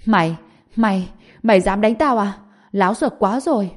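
A woman's voice: medium pitch, normal speed, lightly acted. A woman voicing an older male clan relative who scolds and blusters, in a spoken story. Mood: indignant.

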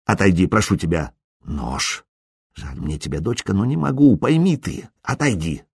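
A man voicing a nervous tavern keeper who calls out loudly in a forced, unnatural way. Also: deep voice, expressive, normal speed, gravelly, breathy edge, no echo, clean studio sound, voice pushed down, full character voice. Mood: desperate. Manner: loud forced exclamations.

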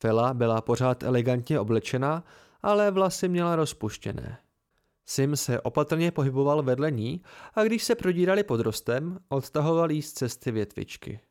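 Man, amateur audiobook narrator, first-person storytelling, steady reading. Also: medium pitch, clean tone.

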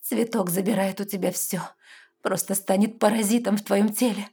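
A woman's voice: medium pitch, fairly even intonation, normal speed, breathy edge. A woman voicing a frightened, loving queen mother who urges her daughter to flee. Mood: earnest. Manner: urgent, fearful, loud. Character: loving anxious queen mother, fearful, urgent.

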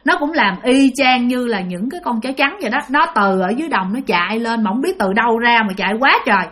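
A woman's voice: a little high, animated, fast, fairly bright tone. A woman telling a ghost story in a chatty way, talking straight to her listeners. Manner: chatty, addresses listeners directly. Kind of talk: conversational ghost story narration.

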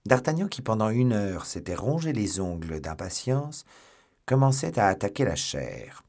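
A man narrating a classic novel aloud in a measured, even storytelling manner. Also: on the low side. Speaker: audiobook narrator. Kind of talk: scripted literary narration.

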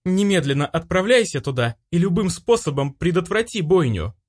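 A man's voice: sits high, big pitch swings, moderate pace, darkish tone, pitched above the performer's own voice. A man voicing a commanding empress who issues curt, imperious orders.

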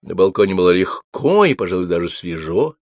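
Male narrator, storybook reading, measured, low voice, dry close sound. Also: very animated, darkish tone, no room sound. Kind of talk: scripted narration.

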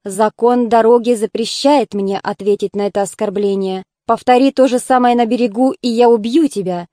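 A woman's voice: a little high, fairly even intonation, normal speed, warm tone, dry recording, clean studio sound, natural voice. A woman reading the lines of a proud, angry male warrior who speaks sternly.

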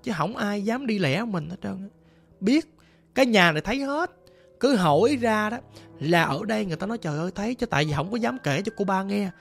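Southern Vietnamese storyteller, chatty dramatic ghost tale, mid pitch, soft music bed. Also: a little fast, creaky. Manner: lively, conversational, dramatic.

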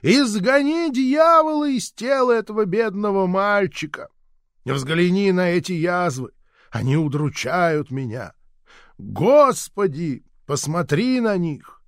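A fervent, shrill old grandmother cries out her prayers in a high, strained voice, as a male audiobook reader puts her on. The recording is dry and close. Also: expressive, takes it slowly, fairly bright tone, no echo, full character voice. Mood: fervent praying. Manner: shrill, fervent, pleading exclamations. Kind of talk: audiobook reading.

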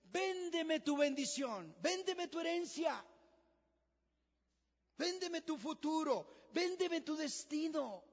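A greedy, coaxing devil voiced by a preacher that presses loudly, pitched high. The sound is dull and boomy, with a long hall echo behind it. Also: male voice, very animated, a little slow, creaky, few pauses, full character voice. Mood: tempting. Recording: dull, echoey hall recording.

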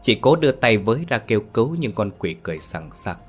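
A man narrating a horror story in a steady, dramatic way. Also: on the low side, fast talker, soft background music.

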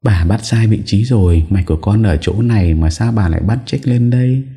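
In this storybook reading, a chatty little child pipes up in a lifted voice, as a man puts it on. The tone stays somewhat dark and mellow beneath the raised pitch, and the child asks questions eagerly. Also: fairly quick, lightly acted. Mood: cheeky.

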